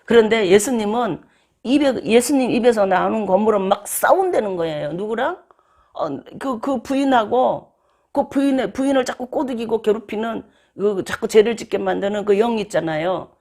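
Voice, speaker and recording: A preacher delivers a sermon with a rough, gravelly edge to the voice. The talk runs like storytelling, and the preacher slips into short acted voices for quoted lines. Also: medium pitch, expressive, normal speed, darkish tone.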